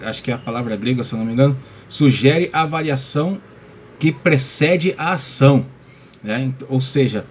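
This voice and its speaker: A man's voice: mid-range voice, a little mellow, slight background noise. A male pastor teaching a Bible lesson in a casual way, full of little check-ins like "tá?" and addressing listeners as brother. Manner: casual, many fillers like "tá?" and "né?".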